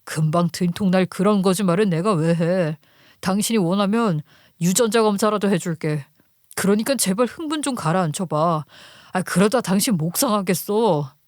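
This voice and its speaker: A woman voicing a calm husband who pleads softly with his angry wife. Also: normal speed, no echo, clean studio sound, close to an everyday voice. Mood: pleading. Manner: soft, placating, low-voiced. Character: calm pleading husband hiding a family secret. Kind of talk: storytelling radio drama reading.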